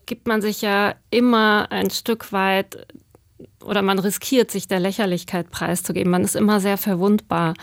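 A woman in her thirties from Germany speaks as an interview guest, weighing her words with frequent pauses and fillers. Her voice sits in the middle range, and the recording is dry and close with no room sound. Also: medium pitch, no room sound. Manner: thoughtful, searching for words with many fillers. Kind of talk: reflective interview answers.

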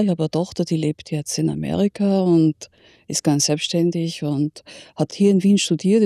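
A woman's voice: low-pitched, mellow, no room sound. Woman, older, Austrian accent, reflective interview, circling speech, dry close sound.

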